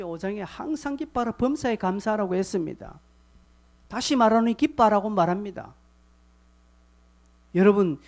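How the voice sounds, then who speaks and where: A man pastor preaching a sermon, repeating short commands for emphasis and swinging between loud exhortation and quiet, chatty asides. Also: high voice.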